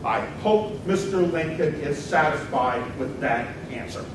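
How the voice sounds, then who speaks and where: Taking on the role of a combative 19th-century senator, a man delivers a stump debate speech at a measured pace, animated, formal, and forceful in a high voice with an argumentative mood. The distant pickup in a very reverberant hall carries clear rumbling noise.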